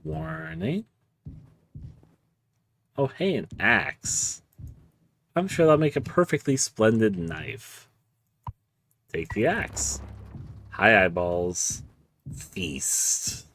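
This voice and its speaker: A man streaming a horror game, giving live commentary and reading game text aloud in a drawn-out, playful, theatrical way. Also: medium pitch, sing-song, gravelly, a bit bright, a little hiss or hum. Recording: music behind the voice. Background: game music.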